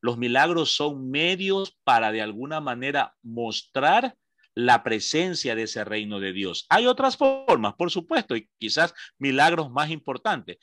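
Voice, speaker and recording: A man with an Ecuadorian Spanish accent and a medium-pitched, sing-song, slightly bright voice teaches a Bible study class. He explains patiently, repeating key points slowly for emphasis and asking short questions to make sure his listeners follow.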